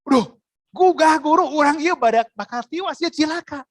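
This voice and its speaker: A preacher acting out frightened disciples in a storm, calling out shrill and frantic. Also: moderate pace, far from the mic, lightly acted. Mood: panicked. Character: panicked disciples crying out in a storm.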